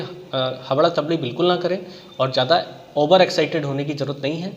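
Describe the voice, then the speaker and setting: A man with a fairly high voice coaches students on exam strategy. He talks in a conversational way, pausing to check that they follow and working through examples. The recording is muffled, with a long reverb behind him.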